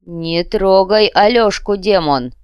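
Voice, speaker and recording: A woman voicing a stern, dying old male monk who speaks slowly and curtly. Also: lowish voice, sing-song, creaky, no echo, highs cut off, voice pushed up, exaggerated voice. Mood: desperate. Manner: slow, weighty, curt speech. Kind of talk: audiobook character reading.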